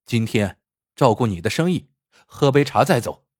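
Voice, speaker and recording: A man voicing a clever blind man in a storybook tale, speaking in a calm, wry, husky way. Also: medium pitch, moderate pace, no echo, studio quality, close to an everyday voice.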